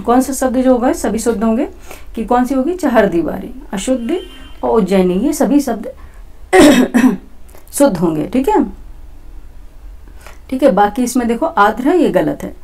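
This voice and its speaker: A woman with a fairly high voice teaches an exam-prep class. She goes through each answer step by step and keeps checking in with her students with a quick "okay". Her delivery is plain and repetitive, like a tutor at a whiteboard. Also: expressive, a little mellow. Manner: repetitive, says "theek hai" often; explains step by step, talking to students.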